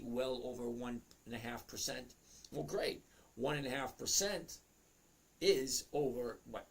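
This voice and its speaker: Sixties guy, husky, mid-pitched, chatty livestream host who ribs his viewers. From Boston area. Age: 60s. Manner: chatty, jokey, talks straight to viewers by name. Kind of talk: casual livestream chat reading viewer comments.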